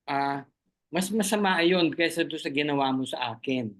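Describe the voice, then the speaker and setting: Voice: mid-range voice, moderate pace, fairly bright tone. A group leader who reads Bible verses aloud and then asks the members what they think. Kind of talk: leading a Bible discussion.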